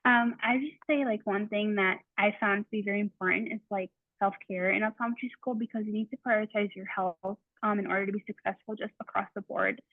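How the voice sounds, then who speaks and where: A woman's voice: medium pitch, steady tone, a little fast, hardly any pauses, no room sound. Young woman on tinny phone-like audio. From Massachusetts, USA. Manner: casual, with many "like" fillers. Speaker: optometry student panelist.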